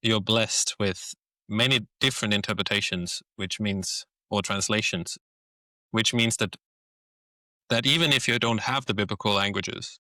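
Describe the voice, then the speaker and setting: Thoughtfully working through ideas in casual talk, a Danish podcast host, Danish being his first language and accent, restarts phrases as he searches for words. His lowish voice is unhurried, pushed and bright; the audio has no echo but is poor quality.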